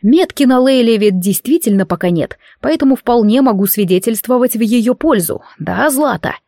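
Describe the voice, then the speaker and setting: Woman doing a calm werewolf guy, steady and protective, dry close sound. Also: a little high, normal speed, no room sound. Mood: explaining.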